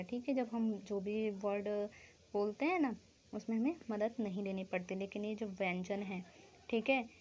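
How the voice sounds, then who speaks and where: A woman teaching a school grammar lesson. She explains slowly, asks questions and answers them herself, and keeps checking that the class understands. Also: mid-range voice, darkish tone. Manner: keeps checking understanding with short tag phrases; spells out sounds and counts slowly.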